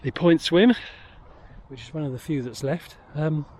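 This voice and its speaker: A man vlogging outdoors by a lake, a little out of breath, talking in a halting way with many ums and uhs. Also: a little high, a little mellow, slightly rough. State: slightly out of breath. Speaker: angler vlogger. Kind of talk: casual outdoor vlog commentary.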